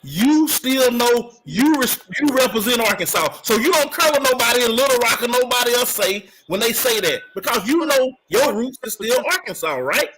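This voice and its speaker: A man's voice: extremely high pitch, animated, normal speed, few pauses, noisy background. A man co-hosting a sports podcast, arguing insistently in casual debate and repeating himself to press his point. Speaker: podcast co-host.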